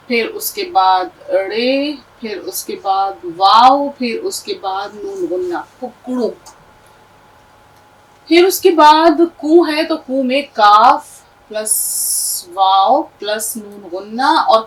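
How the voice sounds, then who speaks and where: A woman's voice: a little high, fairly bright tone, distant mic, poor audio. Woman teacher spelling out letters patiently. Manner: patient, explanatory, asks the class questions. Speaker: Urdu teacher. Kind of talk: classroom lesson, spelling out letters.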